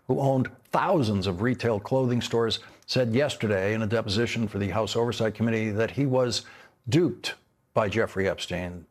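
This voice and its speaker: An older man delivering scripted news commentary as an anchor, emphatic and indignant with deliberate phrasing. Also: mid-range voice.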